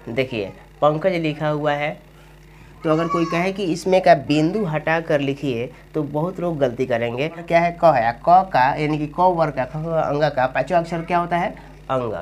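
A teacher walks through a spelling lesson one point at a time, asking each question aloud before answering it. The voice sits at an ordinary middle pitch. A faint hiss of noise runs underneath. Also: darkish tone. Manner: explains step by step, asks and answers own questions. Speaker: Hindi teacher. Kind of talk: spoken grammar lesson.

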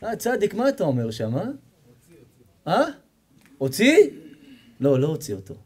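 A man preaches as a rabbi, his voice high and swinging widely in pitch as he acts out the people in his stories. He jokes, teases the listeners and questions them as he goes. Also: husky. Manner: animated storytelling, acts out characters, jokes and quizzes the audience. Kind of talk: sermon with storytelling.

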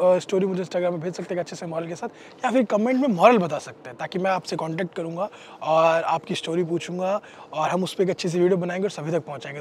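A man's voice: high voice, darkish tone, slight background noise. A man hosting a channel, addressing viewers in a friendly, upbeat outro. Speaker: channel host.

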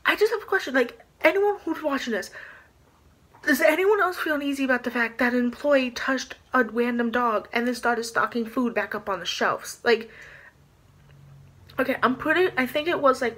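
Vlogging from her small bedroom into a built-in camera mic, a young woman rants indignantly, rambling, gesturing a lot and saying "like" constantly. Her high-pitched voice is fairly bright and slightly rough at a moderate pace, and the recording quality is low.

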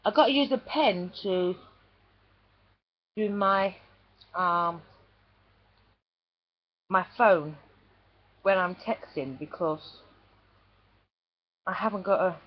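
A woman's voice: on the low side, slow pace, pauses often. A woman chatting casually at home and cooing fondly at her pets. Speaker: pet owner filming at home. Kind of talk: casual home video chat. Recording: dull lo-fi home video.

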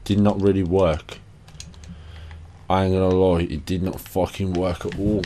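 A young gaming channel host gives casual commentary on his playthrough, sweary, chatty and quick to mock himself. His low, dark voice carries a slight rasp from a lingering cough, and he sounds tired and hoarse, speaking flatly at a measured pace with a little hiss or hum in the audio.

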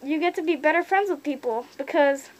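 A woman's voice: high voice, brisk, poor audio. A young woman rambling casually with many fillers about why she wears a fursuit, speaking from inside a costume head. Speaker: fursuiter vlogger. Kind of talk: casual opinion monologue.

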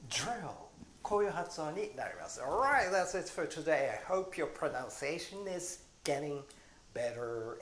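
Lively pronunciation teacher. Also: male voice, a little high, echoey room, a little hiss or hum. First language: Japanese. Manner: animated, demonstrates sounds slowly and repeats them. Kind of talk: short pronunciation lesson.

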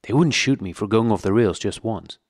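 A man's voice: on the low side, fairly quick, breathy edge, dry recording, clean studio sound. A man voicing a frightened, pudgy middle-aged prisoner who pleads eagerly and nearly blubbers. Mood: pleading.

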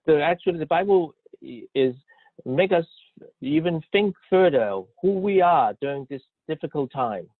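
A man with a slightly high voice interprets a sermon phrase by phrase, stumbling, repeating words and restarting mid-sentence. His voice comes through a tinny, phone-like connection with a dry sound and no room echo. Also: animated. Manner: halting, with many restarts and cut-off words. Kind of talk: live consecutive interpretation.

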